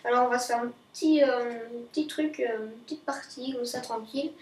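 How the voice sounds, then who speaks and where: A woman's voice: a little high, a little fast, recorded from a distance. A woman hosting live video game commentary, chatty and rambling, often correcting herself mid-sentence. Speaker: gaming channel host. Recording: echoey room, voice off-mic.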